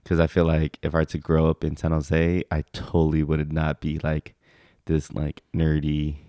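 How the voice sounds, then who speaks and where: Very deep, dark-voiced young man. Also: moderate pace, no echo. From California, USA. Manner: relaxed, rambling with many fillers. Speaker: podcast guest. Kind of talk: casual chat.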